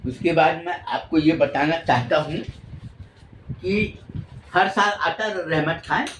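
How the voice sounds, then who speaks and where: Guy telling a long story, kinda high voice, keeps repeating himself, noisy echoey room. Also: slow, fairly bright tone. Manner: rambling, repeats himself and recaps often. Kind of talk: casual spoken storytelling.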